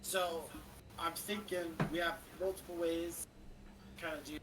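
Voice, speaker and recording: A man's voice: on the high side, level tone, measured pace, recorded from a distance, background noise. Tabletop player, male, casual planner talking through a choppy online call that drops out. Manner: thinking out loud, planning tactics. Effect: online call dropping out, breaking up.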